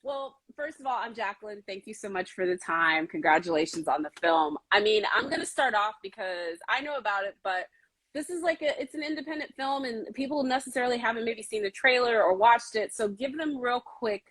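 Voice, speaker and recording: A woman's voice: a little high, expressive, fairly quick, a bit bright, no echo, low-quality recording. A woman interviewing an actor on a livestream, upbeat and enthusiastic. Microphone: phone livestream.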